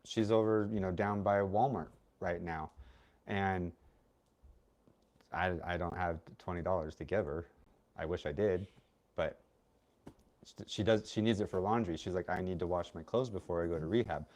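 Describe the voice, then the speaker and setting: A man's voice: low voice, moderate pace, long pauses, a little mellow. A man co-hosting a casual livestream chat, blunt and outspoken, rambling as he talks, with the hiccups. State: has the hiccups. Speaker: co-host.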